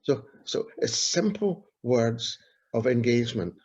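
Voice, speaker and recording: A man's voice: mid-range voice, animated, measured pace, a little mellow, husky. A man, a street pastor telling earnest stories in an interview and repeating his key phrases. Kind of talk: storytelling in an interview. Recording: dull lo-fi recording.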